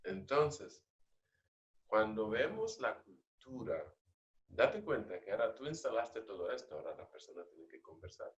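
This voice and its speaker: A man leading an agile training session, coaching a participant with slow, questioning explanations. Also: on the low side, big pitch swings, roomy sound, highs cut off.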